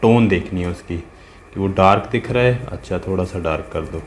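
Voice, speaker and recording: A man's voice: sits low, normal speed, slight background noise. A man giving a casual, patient step-by-step drawing lesson as an art teacher, often checking in with the viewer as he works. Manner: patient, talks while working, asks "है ना?" and "ठीक है?" often. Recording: roomy with faint ambience.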